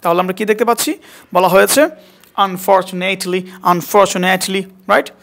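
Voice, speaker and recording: A man's voice: high voice, expressive, quick pace, vocal fry, fairly bright tone. A man teaching a spoken English class, repeating words again and again to drill pronunciation and quizzing his student.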